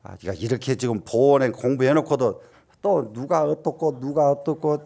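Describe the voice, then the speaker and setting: A man giving a Buddhist dharma talk, often posing questions to the audience and answering them himself, with emphatic rises and soft dropped asides. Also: mid-range voice, unhurried, creaky. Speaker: Buddhist teacher.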